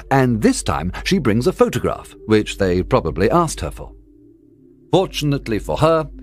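Man reading a calm, clever detective. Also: fairly low pitch. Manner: measured, explanatory. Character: calm, clever male detective explaining a theory. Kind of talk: audiobook drama reading. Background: soft music.

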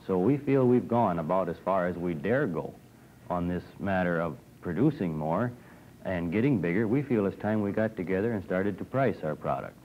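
A man's voice: low-pitched, lively intonation, moderate pace, a little hiss or hum. A young man speaking earnestly on a TV panel discussion, recorded in a studio on a desk microphone with old film sound. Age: young adult. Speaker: farm organization member. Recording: dull 1960s TV film sound.

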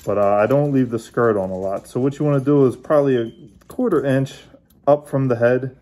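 A man hosting his own fishing channel, casually showing how he bends and adjusts a lure while he talks, in a relaxed hands-on way. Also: mid-range voice, a little fast. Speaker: bass angler, channel host.

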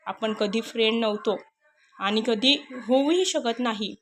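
Storybook figure: a reserved, firm young mother, as a woman narrator puts her on, higher-pitched voice. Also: animated, unhurried, fairly bright tone, slight background noise. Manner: polite but curt, guarded.

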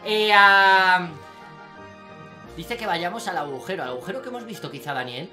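A young man with a Spain Spanish accent doing excitable let's-play commentary as a gaming YouTuber, often breaking into shouted exclamations. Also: on the high side, rapid-fire, music in the background.

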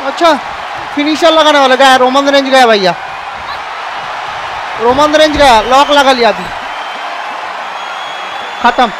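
A man giving excited, casual commentary over a wrestling video game and often shouting. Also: very high voice, unhurried, pauses often. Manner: excitable, shouts often, calls people bhai. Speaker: gameplay commentator. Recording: noisy background with crowd sounds. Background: video game arena crowd and noise.

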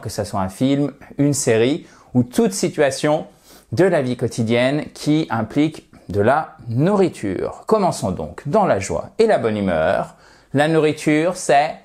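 Teaching English online, this man keeps things playful, his voice a little mellow. For emphasis he swings his tone up and down, and he stretches words out slowly during pronunciation practice.

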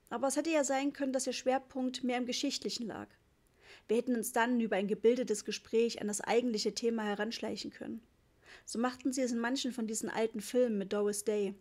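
Woman audiobook reader, lively storyteller, fairly high voice. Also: fairly quick. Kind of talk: scripted audiobook narration.

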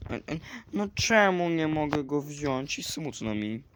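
A man commentating a video game, chatting to the game characters with sudden loud outbursts. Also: a little high, animated, measured pace. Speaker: gamer. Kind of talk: let's play commentary. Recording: clear clicking noise behind.

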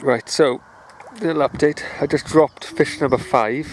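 A man's voice: a little high, a little slow. A man, chatting upbeat on a lakeside bank as he films a day of fishing and talks with a young boy. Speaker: angler filming a fishing day. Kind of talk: casual outdoor commentary. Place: grassy lakeside bank outdoors. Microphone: handheld camera, sometimes held at arm's length. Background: wind noise.

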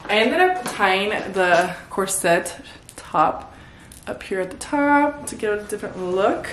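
A woman's voice: medium pitch, animated, a little slow, slight background noise. A young adult woman doing a casual try-on haul to camera, bubbly and chatty, constantly addressing her viewers. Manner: bubbly and chatty, says "you guys" constantly. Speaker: fashion vlogger. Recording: echoey room.

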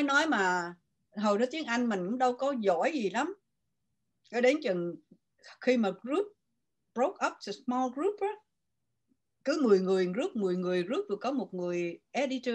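An older woman from Vietnam with a Southern Vietnamese accent, telling her story animatedly as an interview guest and switching between Vietnamese and English. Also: on the high side. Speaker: guest writer.

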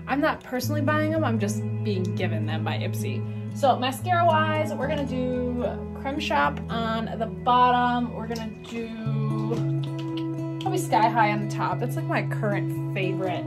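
A young woman in her twenties chatting casually and rambling cheerfully in a vlog, filmed on a phone in her bathroom and parked car. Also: on the high side. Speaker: vlogger.

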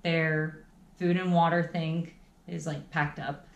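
Speaking slowly in a low, flat voice with the highs cut off, a young travel vlogger chats casually indoors at home and keeps saying "like." The small room sounds echoey, with some faint background noise.

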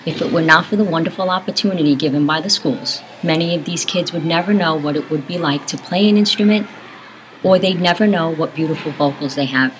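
A woman's voice: low voice, fairly quick, a little hiss or hum, poor audio. A middle-aged woman, a school parent, speaking earnestly to the camera in a classroom. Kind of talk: scripted talk to camera.

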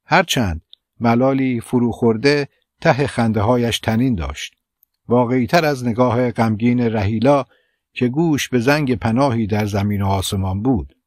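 Man reading a novel, measured and dry. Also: medium pitch, a little mellow, no room sound. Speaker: audiobook narrator. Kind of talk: scripted literary narration.

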